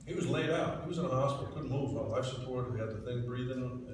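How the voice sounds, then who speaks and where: A man's voice: mid-range voice, fast talker, noisy background. A middle-aged man from New Jersey giving a sincere, folksy acceptance speech full of stories. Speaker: hall of fame inductee. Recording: echoey banquet hall, distant mic.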